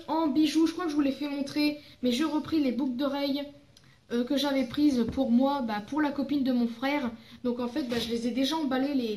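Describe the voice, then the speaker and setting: A woman's voice: high voice, a little mellow, roomy sound. A young woman from France chatting in a casual haul vlog, rambling with fillers and self-corrections. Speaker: beauty vlogger.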